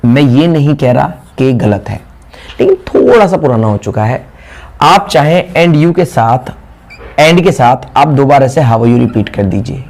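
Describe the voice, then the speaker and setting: A man's voice: medium pitch, lively intonation, measured pace, vocal fry, a little mellow. A man with an Indian accent, a spoken English teacher, explains patiently and keeps repeating English phrases so they sink in. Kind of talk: classroom explanation.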